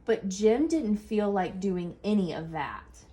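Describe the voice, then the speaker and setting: A woman reading a children's story expressively, with deliberate phrasing and dramatic pauses. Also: mid-range voice, lively intonation, dark tone. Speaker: storybook reader.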